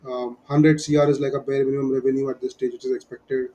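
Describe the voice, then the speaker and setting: Male business explainer, Indian accent, slightly high pitch, soft-edged tone, emphatic advisor who drives points home by repetition. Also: level tone, quick pace, muffled recording, a little hiss or hum. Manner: emphatic, repeats key points. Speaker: business advisor teaching startup fundraising. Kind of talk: explanatory lesson.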